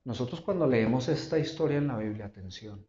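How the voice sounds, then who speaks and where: A man preaching a sermon as pastor, emphatic, with dramatic pauses and repeated questions. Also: medium pitch, animated, warm tone, echoey room, dull audio. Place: church auditorium.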